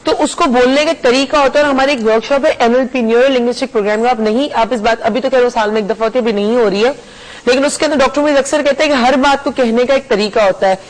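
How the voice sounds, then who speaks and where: A woman's voice: fairly high pitch, fast, poor audio. Chatty woman hosting a talk show. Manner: chatty, mixes English phrases into her talk. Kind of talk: casual TV talk show chat.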